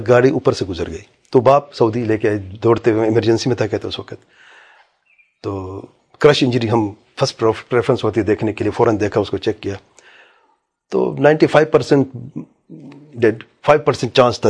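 A man's voice: fairly low pitch, darkish tone, husky. A man preaching a religious talk, vividly retelling anecdotes and quoting each person in them. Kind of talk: religious talk with told stories.

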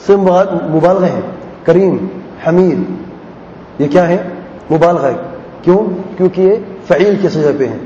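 Man teaching, echoey lo-fi hall. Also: dark tone. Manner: explains patiently, repeats word patterns, asks and answers his own questions. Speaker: Arabic grammar teacher. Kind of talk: classroom lesson. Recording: echoey hall, dull lo-fi sound, faint rumble.

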